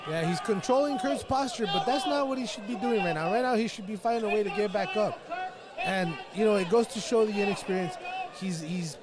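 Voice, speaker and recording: A man's voice: high voice, a little fast. A man giving live commentary on combat sports as a fight commentator. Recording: live event with crowd behind. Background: crowd noise.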